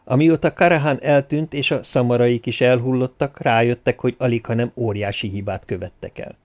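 Man reading an audiobook, steady storytelling, dull lo-fi sound. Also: medium pitch. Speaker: audiobook narrator. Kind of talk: audiobook narration.

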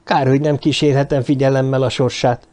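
A man reading an audiobook, voicing a dying bearded mathematician who speaks in a low, raspy, scornful, lecturing way. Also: flat delivery, mellow, close to an everyday voice. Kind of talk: audiobook character voice.

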